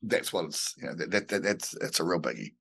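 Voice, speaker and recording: A man co-hosting a podcast, talking through business ideas in a halting way, repeating words as he thinks, a bit under the weather. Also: low voice, animated, creaky, fairly bright tone, husky. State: a bit unwell with a bug. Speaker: podcast co-host. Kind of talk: casual business chat.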